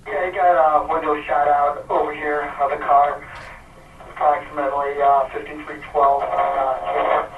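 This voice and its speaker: A man's voice: on the high side, flat delivery, a little slow, a little hiss or hum. A man, a police officer at the scene, calling in over a police radio transmission in short, urgent bursts. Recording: muffled, distant, echoey radio audio.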